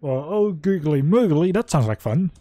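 Mellow, higher-pitched male game streamer. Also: expressive, slow pace, dry recording. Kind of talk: casual game stream commentary. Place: indoor room, webcam setup. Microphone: desk microphone with headset.

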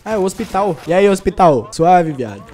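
A man's voice: high voice, sing-song, fairly quick, darkish tone. A young man from Brazil streaming a shooter game, talking in slangy, joking banter with his chat. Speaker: gaming streamer. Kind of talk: casual live gameplay commentary.

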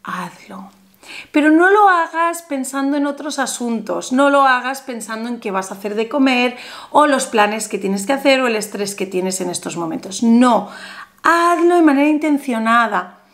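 A woman with a slightly high voice leads a spiritual ritual step by step. She speaks softly and soothingly, often sinking to a whisper. She chants strings of numbers slowly and with care. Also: animated. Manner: slow, deliberate chanting of numbers. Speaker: spiritual guide. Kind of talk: guided ritual instruction.

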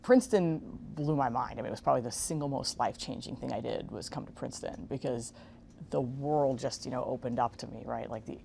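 An Israeli-born woman in her thirties, an investment executive, appears as a TV interview guest and gives measured, explanatory answers sprinkled with casual fillers. Her voice is extremely low and creaky, picked up by a lapel mic with a little hiss or hum in a large, bright room whose windows look onto a garden.

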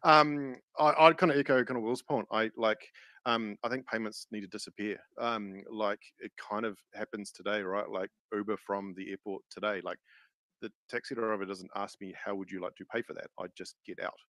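Casual, low-voiced man on a panel, loose and filler-heavy. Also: fairly even intonation, normal speed, sharp tone, no echo. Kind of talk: panel discussion. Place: conference stage with audience.

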